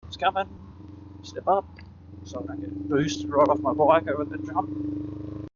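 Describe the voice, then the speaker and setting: A man's voice: fairly high pitch, a little slow. A laid-back Australian man riding a motorbike, chatting to himself through his helmet mic and swearing casually as he rides. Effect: voice picked up by a helmet-mounted mic while riding. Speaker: motorbike vlogger. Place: outdoors on a motorbike on rural roads. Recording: muffled helmet mic with loud wind and engine noise.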